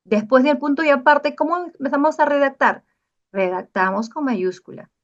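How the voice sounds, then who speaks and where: Female lecturer, fairly high voice, methodical and explanatory, dull lo-fi audio. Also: normal speed. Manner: explanatory, checks in with frequent tag questions. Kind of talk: online class lecture.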